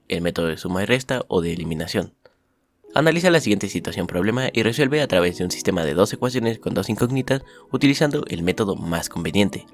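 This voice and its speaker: Low-voiced man summarizing school lessons. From Mexico. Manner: upbeat intro, then steady reading of lesson text. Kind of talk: scripted lesson narration.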